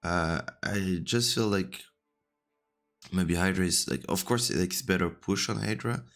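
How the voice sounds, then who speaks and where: Casting: man, deep and gravelly, just woke up, soft rambling coaching talk, close mic. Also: a little slow, soft background music. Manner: soft-spoken and rambling, many fillers. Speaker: game coach. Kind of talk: casual coaching call. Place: home room at night.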